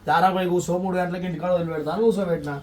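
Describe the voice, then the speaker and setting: A man's voice: high-pitched, steady tone, racing, heavy background noise. A man arguing defiantly with his family in a comedy sketch. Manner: defiant, argumentative.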